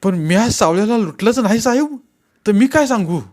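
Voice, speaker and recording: Man reading a story, putting on a high whiny voice of a sick scared villager, begging, rustic talk. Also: expressive, a little fast, a little mellow. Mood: pleading frightened. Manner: pleading, whimpering, rustic dialect speech. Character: poor, feverish, frightened young village man. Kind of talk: storytelling read-aloud.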